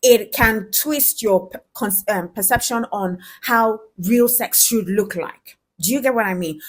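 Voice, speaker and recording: A woman's voice: fairly high pitch, slightly rough. A woman talking frankly and directly to her viewers, giving relationship advice in a conversational way. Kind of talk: direct-to-camera advice talk.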